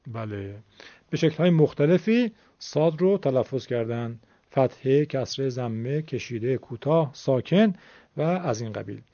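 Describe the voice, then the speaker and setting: A man's voice: mid-range voice, expressive, dark tone, no echo. Man teaching pronunciation, dull dry broadcast. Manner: patient, explanatory, demonstrates sounds slowly. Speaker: Quran recitation teacher. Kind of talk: radio pronunciation lesson.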